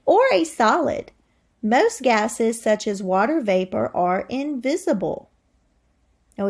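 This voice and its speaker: Reading to a group of young children, this teacher uses a voice on the high side and a slow, expressive manner. She muses aloud and poses questions to them along the way.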